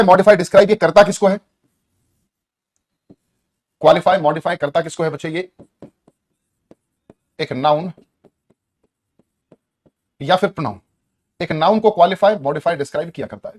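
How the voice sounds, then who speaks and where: A man with a Hindi accent gives an online grammar lesson in a fairly high-pitched voice. He's energetic, repeating key words and putting questions to his students.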